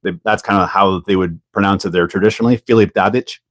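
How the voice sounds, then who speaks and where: A man's voice: sits low, fairly even intonation, fast talker, fairly bright tone, dry recording, clean studio sound. A Canadian man hosting a live stream, chatting casually while he builds and answering viewers, with frequent laughs. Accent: Canadian English.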